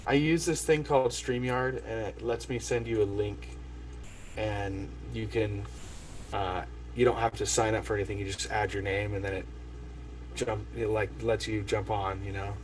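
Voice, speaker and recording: An enthusiastic man chatting loosely on a video call, full of fillers. His voice is slightly low and sounds set back from the mic, with faint noise behind it. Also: fairly even intonation, normal speed, distant mic, rough recording. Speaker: record label host. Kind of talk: casual video call chat.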